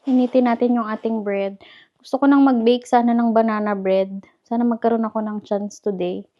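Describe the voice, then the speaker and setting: A woman's voice: a little high, fairly even intonation, moderate pace, lo-fi sound. A Filipino woman with a Filipino accent chatting casually to her viewers while cooking in her home kitchen, often calling them guys. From Philippines. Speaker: vlogger. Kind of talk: casual chat to camera.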